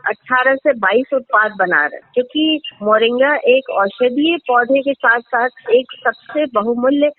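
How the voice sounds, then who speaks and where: A woman's voice: on the high side, a little slow, few pauses. A woman answering radio interview questions about her farming work, earnest and explanatory with some hesitations. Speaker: interviewee, moringa farming entrepreneur. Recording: dry tinny phone line.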